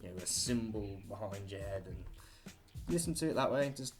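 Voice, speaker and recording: Rambling, jokey British man, lowish voice. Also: animated, moderate pace, over music. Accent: British English. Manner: rambling, offhand and jokey, trailing asides. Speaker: vlogger. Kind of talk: casual listicle monologue.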